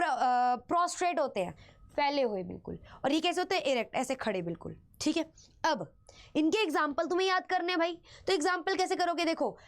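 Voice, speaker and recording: Brief: young Indian woman, high voice, slightly sore throat, chatty online biology tutor who checks in constantly. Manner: addresses students as "beta", asks "theek hai?" constantly; mixes English terms into Hindi explanation. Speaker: biology teacher. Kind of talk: online exam-prep lecture.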